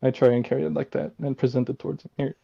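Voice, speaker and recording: A man's voice: mid-range voice, steady tone, very fast, gravelly, warm tone, dull audio. A man casually role-playing as a tabletop game player, laid-back and a little tentative. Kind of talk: casual role-play chat.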